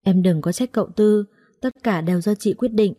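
A woman voicing a gentle, resigned young woman who speaks softly and calmly in an audiobook story. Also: mid-range voice, moderate pace, lightly acted. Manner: soft, calm and gently chiding.

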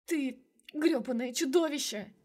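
A woman's voice: on the high side, moderate pace, darkish tone, slightly rough. A woman voicing a hurt young woman in an audiobook, speaking sharply and indignantly through tears. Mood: furious. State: tearful.

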